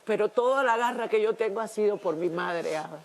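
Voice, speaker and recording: A woman from Cuba, a reality show contestant speaking emotionally by a campfire, halting and repeating words, near tears. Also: medium pitch, creaky, a crowd in the background. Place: outdoors at a campfire at night.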